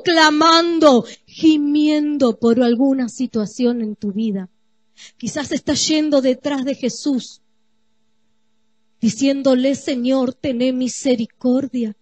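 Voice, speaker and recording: A woman pastor preaches in a high voice, unhurried and deliberate. She leans on repeated phrases and speaks straight to the congregation. The sound is dry and close. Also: a little mellow, dry recording. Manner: emphatic, repetitive preaching that addresses the congregation. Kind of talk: sermon. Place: church.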